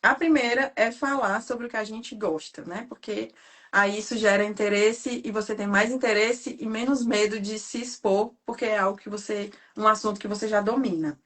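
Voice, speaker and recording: A woman from Ceará with a Cearense Brazilian Portuguese accent, hosting a casual live interview and telling stories quickly and animatedly. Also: mid-range voice. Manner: fast talker, animated storytelling. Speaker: host.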